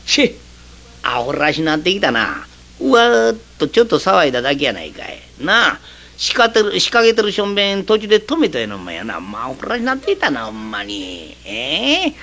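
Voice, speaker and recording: Man doing a rowdy young Kansai reveler, brash, high lively voice, gravelly. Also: fairly quick, exaggerated voice. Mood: grumbling, amused. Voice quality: loud, brash, threatening. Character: rowdy, boastful young male traveler partying at an inn. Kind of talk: Kamigata rakugo storytelling.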